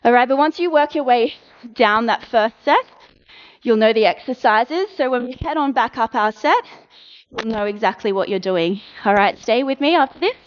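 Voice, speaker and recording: A woman fitness instructor cueing a workout, coaching with brisk encouragement and counting down the reps. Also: fairly high pitch, lively intonation, highs cut off.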